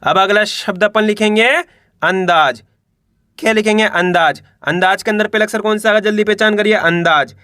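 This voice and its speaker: A man's voice: sits high, pushed and bright, no room sound, clean studio sound. A man teaching a reading lesson, sounding out words syllable by syllable and quizzing the viewer.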